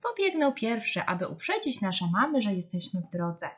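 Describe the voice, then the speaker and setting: A woman's voice: medium pitch, sing-song, moderate pace, slightly rough, highs cut off. A woman voicing a small, cheerful, playful male bear cub in a children's storybook reading, eager and coaxing.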